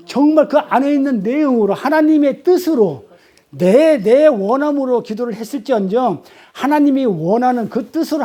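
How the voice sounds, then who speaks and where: Man leading a bible study, high, mellow voice, asks the class questions, repeats key phrases. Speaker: Bible teacher.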